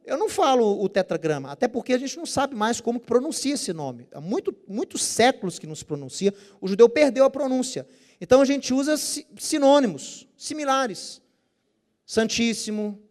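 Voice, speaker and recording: With an extremely high, darkish voice full of big pitch swings, a man delivers a Bible study lecture at normal speed. He explains Hebrew terms carefully and asks rhetorical questions, then supplies the answers himself.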